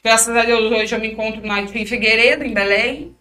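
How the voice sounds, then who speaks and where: High bright-voiced woman storyteller. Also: fairly quick. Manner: animated, acts out quoted dialogue. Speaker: guest, professional fighter. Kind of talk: casual interview storytelling.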